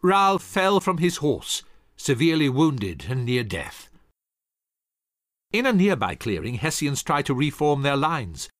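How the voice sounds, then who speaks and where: A man's voice: fairly high pitch, sing-song, unhurried, fairly bright tone, no echo, clean studio sound. Dramatic male history narrator. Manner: dramatic, acts out quoted voices.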